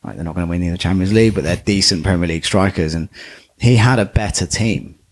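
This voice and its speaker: A man's voice: sits low, quick pace. A man co-hosting a podcast, chatting casually about football with lots of fillers. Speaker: podcast co-host.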